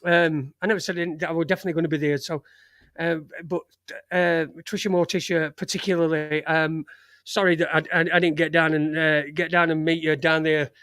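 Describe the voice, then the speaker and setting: A man in his forties with a Sheffield, Yorkshire accent from England hosts a live stream, chatting loosely to his chat room. He swears freely, trails off, and fills his talk with fillers and restarts. His voice is a little high, brisk and a bit bright, with a flat delivery and no room sound.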